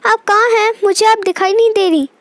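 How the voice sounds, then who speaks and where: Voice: very high-pitched, steady tone, fairly quick, fairly bright tone, no room sound. A performer voicing Preeti, a cheeky, careless schoolgirl doll in a storybook tale who chats to herself. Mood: chatty. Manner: chatty, talks to herself. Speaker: daughter. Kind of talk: Hindi doll story voice-acting.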